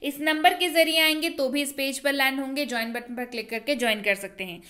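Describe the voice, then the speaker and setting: A woman teaching English in Hindi, saying each phrase twice, slowly and clearly, for the learners to practice. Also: sits high, pushed and bright. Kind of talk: spoken English lesson in Hindi.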